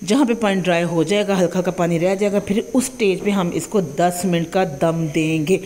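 Her lowish voice is steady, a little fast, and a little mellow as this young Punjabi-accented woman hosts a cooking tutorial from her home kitchen. She keeps it chatty, often checking in with "theek hai ji" for her channel.

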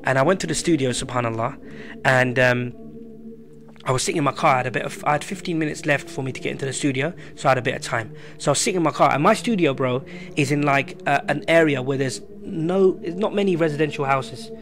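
A man, telling a personal story in casual podcast chat, animated and full of slang. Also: mid-range voice, fast talker, a little hiss or hum. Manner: animated, slangy, repeats himself. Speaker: podcast guest. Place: small room with a poster wall. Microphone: studio mic on a stand.

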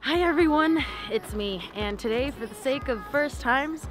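Young finnish woman doing a vlog, excitable nervous chatter to camera, music under it. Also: sits high, moderate pace. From Finland. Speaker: host of a challenge vlog. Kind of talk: casual presenting to camera. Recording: music behind the voice.

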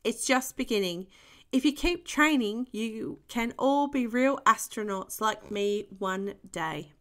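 A woman voicing a jolly old male rabbit astronaut who booms at the children. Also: lively intonation, slow pace, fairly bright tone. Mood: encouraging. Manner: booming.

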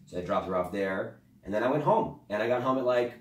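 A young man telling a rambling comic story in casual chat, deadpan with loud bursts. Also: on the low side, quick pace. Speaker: guest comedian. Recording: roomy sound from a distant mic.

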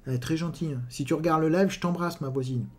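A man's voice: fairly high pitch, fast talker, a little hiss or hum. A man giving a casual live miniature painting tutorial. He jokes, swears freely and talks to his viewers while he paints, often trailing off mid-sentence. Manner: joking, chatty, swears freely.

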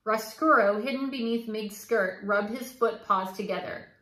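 A woman reading a children's novel aloud, steady and clear. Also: mid-range voice, moderate pace. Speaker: reader. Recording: roomy echo.

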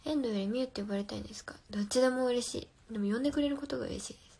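A woman's voice: fairly high pitch, rapid-fire, vocal fry, dark tone, slightly rough. A young woman hosting a casual phone livestream, reading viewer comments aloud and answering playfully, often dropping to a whisper. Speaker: livestream host.

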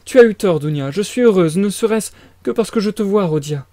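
A man's voice: high voice, expressive, a little fast, dark tone, dry recording, clean studio sound, pitched above the performer's own voice. A man reading aloud and voicing an anxious, fussing middle-aged mother who talks in a flustered, gushing way. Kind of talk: audiobook reading.

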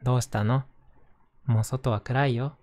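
Man voicing a gentle, lonely little toy doll. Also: mid-range voice, steady tone, normal speed, lightly acted. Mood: gentle concern.

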